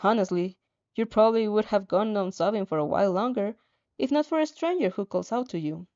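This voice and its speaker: A woman with a mellow, relaxed, mid-range voice reads fan fiction aloud casually and a little fast. She giggles, stumbles over words and adds her own reactions. The recording sounds slightly dull and lo-fi.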